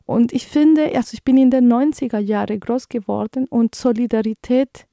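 Hosting community radio commentary and news, a woman in her thirties from Colombia speaks with a Colombian accent as a native Spanish speaker, hesitating often with fillers and restarts. Her voice is fairly high yet dark in tone, with vocal fry, fairly even intonation, and a moderate pace. The recording is clean studio sound without echo.

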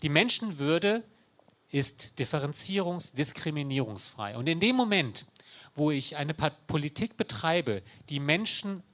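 A man's voice: a little high, lively intonation, a little slow, a bit bright. A man giving an explanatory talk to an audience in a conversational, wry way, with dry sarcastic asides. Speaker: speaker explaining law to an audience.

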